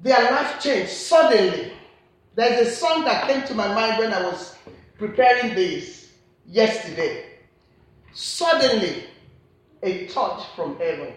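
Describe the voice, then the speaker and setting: In a very echoey church hall, a Nigerian-accented woman preaches a sermon, earnestly repeating her key points with emphatic phrasing. Her fairly high voice is animated, slow, and broken by long pauses.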